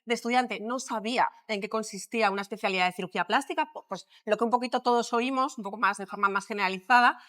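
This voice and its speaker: A middle-aged woman from Madrid speaks with a Spanish accent and a fairly high voice. She is a surgeon in a podcast interview, and she thinks out loud with frequent pauses and fillers. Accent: Spanish from Spain. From Madrid, Spain. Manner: thoughtful, many pauses and fillers. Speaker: plastic surgeon guest.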